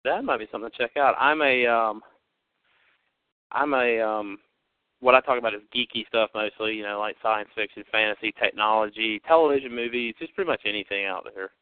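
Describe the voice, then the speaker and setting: On the low side and resonant, a man's clear voice moves fairly quickly as he hosts a casual podcast by phone. Upbeat and chatty, he rambles with fillers, and the narrow phone-line audio is dry.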